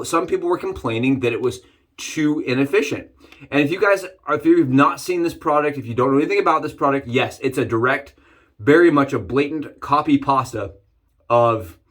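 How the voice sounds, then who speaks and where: A man's voice: mid-range voice, fairly bright tone. A middle-aged man hosting a shaving vlog, chatting to camera in an enthusiastic, rambling way with frequent exclamations. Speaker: wet shaving channel host. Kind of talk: casual chat to camera.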